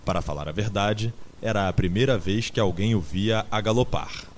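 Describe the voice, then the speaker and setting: A man narrating an audiobook in a measured, dramatic storytelling manner. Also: fairly low pitch, a little hiss or hum.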